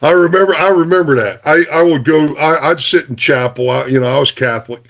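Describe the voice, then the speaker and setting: A man's voice: a little high, brisk, fairly bright tone, lo-fi sound. A man hosting a podcast, telling jokey team stories in casual chat, with lots of "hey" and restarts. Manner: joking storyteller, many restarts and "hey".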